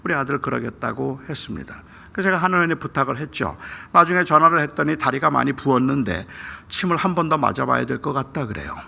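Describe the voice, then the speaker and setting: Gravelly, bright-toned male pastor preaching. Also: mid-range voice, expressive, fast. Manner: personal storytelling, swinging from loud outbursts to hushed whispers. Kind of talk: sermon. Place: church sanctuary at a dawn service.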